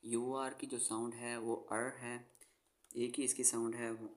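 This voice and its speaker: Slow, even-toned man teaching phonics. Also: mid-range voice. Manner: slow and patient, repeats each word twice; frequent "theek hai" check-ins to the viewer. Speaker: English teacher. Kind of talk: phonics lesson, spelling out words letter by letter.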